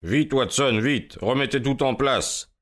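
A sharp detective in a radio play, brisk and bossy. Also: male voice, mid-range voice. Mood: urgent. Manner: brisk, commanding. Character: keen commanding male detective. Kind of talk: radio drama acting.

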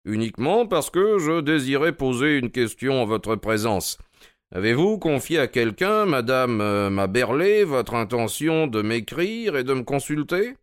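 A man's voice: medium pitch, big pitch swings, measured pace, no echo, voice pushed up. A man playing an ironic, probing detective in an audio drama reading. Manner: dry, mocking, probing. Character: sharp, ironic male detective, middle-aged.

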